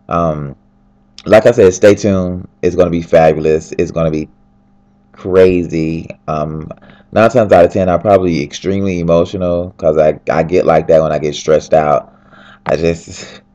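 A man with a deep, low voice talks straight into a handheld flip camera while lying in bed. He sounds freshly woken and tired, but he keeps his casual video diary chatty and upbeat, rambling from one thing to the next. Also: a little mellow, muffled recording. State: tired, just woke up. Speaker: fashion designer.

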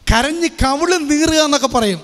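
A man with a very high voice preaching a fervent sermon and telling a story in between. He shouts praise and acts out the voices in his story. The sound has a long reverb from a large hall. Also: lively intonation, normal speed. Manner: impassioned, shouts hallelujah, acts out dialogue in the story. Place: large retreat centre hall.

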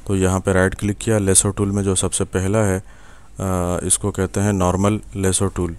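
Deep-voiced Pakistani man teaching software. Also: completely flat delivery, clean tone. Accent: Pakistani Urdu. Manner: patient, step-by-step, many fillers and "ٹھیک ہے" checks. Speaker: software instructor. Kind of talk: screen-recorded tutorial.

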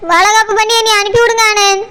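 A woman's voice: very high-pitched, flat delivery, fast, bright, forceful tone. A woman voicing an upset, stubborn pregnant young village wife in a cartoon, speaking with a Tirunelveli Tamil accent and complaining insistently. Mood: aggrieved. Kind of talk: cartoon comedy dialogue.

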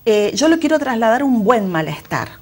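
A woman's voice: fairly high pitch, very animated, a little fast. A woman with an Argentine accent, a school director, giving thoughtful interview answers full of fillers and restarts. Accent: Argentine Spanish.

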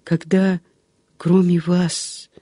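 A woman's voice: fairly low pitch, level tone, drawn-out words, mellow, husky, dry recording, clean studio sound, exaggerated voice. A woman reading as a frightened pleading girl. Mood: sorrowful. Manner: trembling, pleading.

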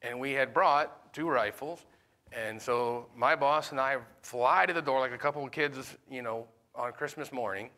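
Bright-voiced pastor quizzing his class. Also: mid-range voice, normal speed. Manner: questions the class often; conversational, with fillers. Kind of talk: Sunday school teaching.

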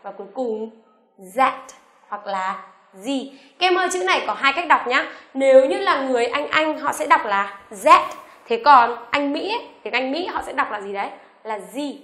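A woman teaching an online beginners' lesson, asking the class questions and reading each letter slowly for them to repeat. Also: sits high, lively intonation, a bit bright, reverberant. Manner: asks the class rhetorical questions; reads letters aloud slowly for repetition. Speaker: English teacher.

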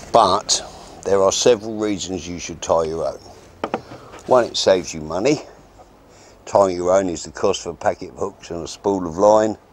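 Outdoors in a garden beside a wooden fence, a fishing instructor in his sixties walks through a casual how-to demonstration step by step. He's plain, practical and frank, giving short instructions in a low, darkish voice against slight background noise.

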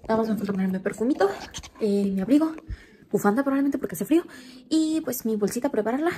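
A woman's voice: on the high side, warm tone, a little hiss or hum. A young woman chatting casually to camera in her room as she gets ready, stressed and repeating herself. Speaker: vlogger. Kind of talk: casual vlog chat. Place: bedroom at home.

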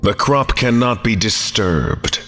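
A man's voice: lowish voice, animated, takes it slowly, a bit bright. A man reading the lines of a solemn hazmat-suited humanoid entity in a grave, clipped, matter-of-fact way.

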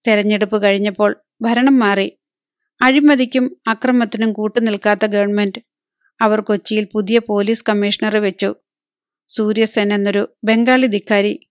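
A woman's voice: mid-range voice, moderate pace, dry recording, studio quality. A woman narrating a novel as an audiobook, reading evenly and speaking the characters' lines herself. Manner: even storytelling read, voicing characters' lines within narration.

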